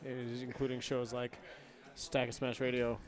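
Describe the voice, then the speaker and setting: A man's voice: medium pitch, monotone, normal speed, over music. A young man co-hosting a radio show, teasing his partner and rattling off plugs between laughs. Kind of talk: casual banter on a radio show.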